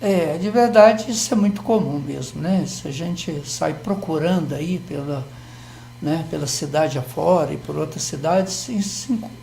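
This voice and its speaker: A man's voice: a little high, moderate pace, vocal fry, mellow, slight background noise. An older man with a Brazilian accent explaining grammar on a TV lesson, patient and methodical, often checking in with tag questions. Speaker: Portuguese language teacher.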